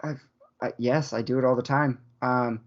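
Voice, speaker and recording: Joking podcast co-host, mid-pitched voice. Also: fairly even intonation, normal speed. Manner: joking, makes playful sound effects. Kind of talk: casual chat. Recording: slightly muffled sound.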